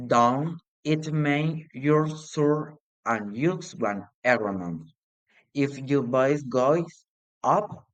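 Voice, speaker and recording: A man talks through an English grammar lesson at a very slow, deliberate pace. His delivery is halting and hesitant, full of restarts and pauses, and his voice sits at an ordinary middle pitch. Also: fairly bright tone, poor audio. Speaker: student presenting a grammar lesson. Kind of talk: read-aloud classroom presentation.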